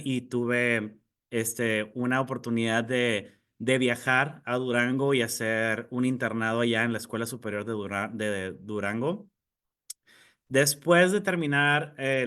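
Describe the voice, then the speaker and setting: A man's voice: mid-range voice, fairly bright tone. Mexican man presenting an online webinar. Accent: Mexican Spanish. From Mexico (Mexicali, Baja California). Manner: friendly, earnest, with frequent fillers and self-corrections. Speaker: teacher giving a webinar.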